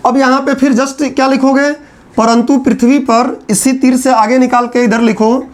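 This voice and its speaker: Male teacher, very high voice, lecturing at a whiteboard, repeats key phrases for note-taking. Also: level tone. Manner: repeats phrases slowly for students to write down.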